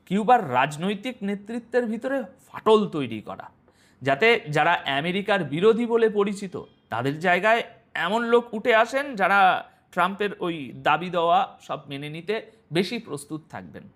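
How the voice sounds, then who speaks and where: A man's voice: sits high, moderate pace. A man presenting international news commentary, speaking straight to his viewers and asking them rhetorical questions. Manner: animated, rhetorical questions to the audience.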